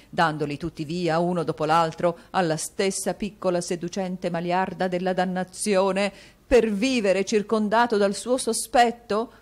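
A woman's voice: lowish voice, a little mellow, pitched above the performer's own voice, close to an everyday voice. A woman voicing a self-pitying, theatrical dandy husband who exclaims and wails. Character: melodramatic self-pitying husband, dandy middle-aged man.

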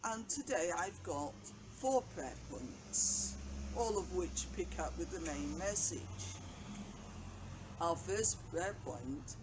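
A woman's voice: lowish voice, expressive. An older woman vicar reading a daily reflection and prayers from her notes, seated outdoors. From England. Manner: slow, measured reading from notes. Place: outdoors by a brick wall on a bench. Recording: noisy outdoor recording.

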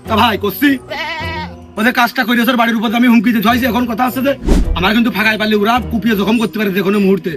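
A man's voice: high-pitched, steady tone, racing, over music, lightly acted. A man voicing a boastful, cowardly young male thug who rambles and pleads with excuses in a comic sketch. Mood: pleading.

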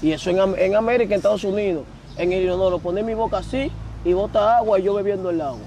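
A young man, telling his story as an interview guest in slangy, animated casual talk. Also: sits high, quick pace. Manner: animated, slangy, repeats filler words.

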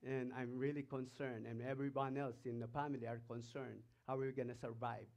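Emphatic Filipino-accented pastor preaching. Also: male voice, mid-range voice, flat delivery, fairly quick, vocal fry, a little mellow. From Philippines. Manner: emphatic, asks the congregation rhetorical questions; reads scripture passages aloud between remarks. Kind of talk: sermon.

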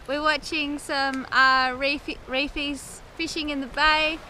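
A woman's voice: high-pitched, takes it slowly, a little hiss or hum. A woman, chatting easily to an action camera held at arm's length on an island beach. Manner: relaxed, laughing, easygoing. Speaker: sailing vlogger. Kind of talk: casual chat to camera.

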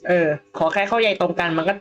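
A woman's voice: lowish voice, quick pace, dull audio. A woman co-hosting a news talk show, thinking aloud in a casual panel discussion with frequent hesitations.

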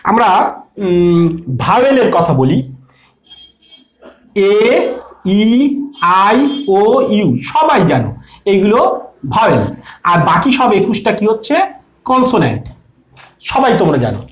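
A teacher works through grammar rules at a middling pitch. The teacher asks the class a question and then answers it, patient and steady. The voice rings in an echoey room. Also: measured pace, long pauses. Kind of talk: exam-prep lesson.

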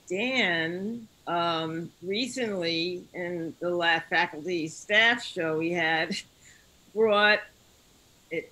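A moderator of an online art panel, speaking in a measured, hesitant way. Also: medium pitch, background noise. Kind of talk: panel discussion over video call. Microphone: video call.

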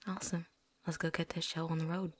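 Speaking fast in a low, flat voice, a woman whispers her way through a role-play as a veteran vampire hunter. The character is folksy and chatty, with a fake drawl and casual slang, and she talks around something in her mouth, wry throughout.

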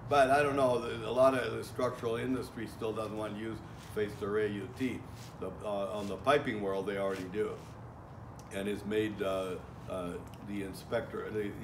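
The echoey, distant camera audio, with faint ambient noise, catches a middle-aged man giving an informal welding lesson outdoors. He speaks at normal speed in a lowish, steady voice, plainspoken and prone to fillers and restarts.

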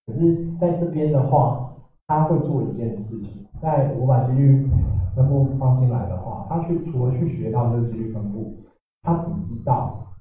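Halting man lecturing in echoey room. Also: medium pitch, expressive. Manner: halting, many fillers and restarts. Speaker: meetup speaker. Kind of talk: technical talk with slides. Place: meetup room. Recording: echoey room, far from mic, tinny.

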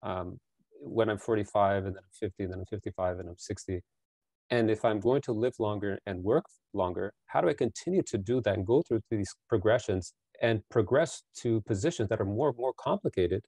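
Speaking through an over-ear headset on a video call, this business founder in his forties answers interview questions with earnest care, frequently repeating words while he thinks. His voice sits fairly low with a darkish tone, and the small bedroom adds no room sound.

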